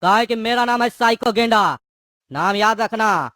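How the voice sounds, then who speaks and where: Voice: medium pitch, moderate pace, bright, forceful tone, no echo, clean studio sound, lightly acted. A performer voicing a menacing male thug prisoner who bullies and mocks his cellmates. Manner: bullying, mocking, threatening. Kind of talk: cartoon voice acting.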